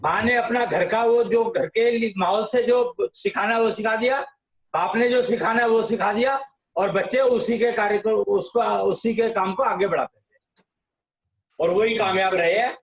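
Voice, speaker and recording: A man's voice: sits high, measured pace. A man explaining tradition in a casual discussion, insistent and lecturing. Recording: echoey room.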